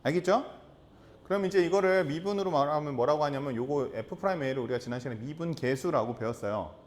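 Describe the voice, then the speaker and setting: A man's voice: fairly high pitch, quick pace. Male math teacher quizzing his class. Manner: repeats key terms and quizzes students with rhetorical questions. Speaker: high school math teacher. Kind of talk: classroom lecture.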